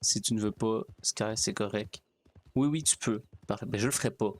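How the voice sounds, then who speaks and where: Guy streaming a game, low voice, chatty and halting. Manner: rambling, halting, with restarts and fillers. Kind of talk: casual out-of-character chat while gaming.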